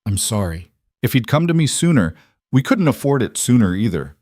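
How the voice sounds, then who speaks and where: A man voicing a grave, kindly country doctor who speaks quietly, steadily and firmly, as an audiobook character. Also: medium pitch, big pitch swings, moderate pace, no room sound, clean studio sound.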